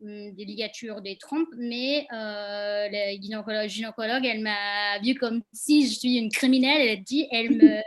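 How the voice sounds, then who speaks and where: A woman from India speaking non-native French with an Indian accent, haltingly, as she asks a question in an online group discussion. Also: on the high side, steady tone, rough recording. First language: not French.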